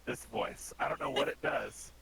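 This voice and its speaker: A man's voice: mid-range voice, normal speed, vocal fry, a loud crowd. A man running a tabletop game, talking casually through a voice changer that makes him sound like a robot. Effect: voice changer filter, robotic sound. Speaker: game master. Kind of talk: casual tabletop game chat over voice call.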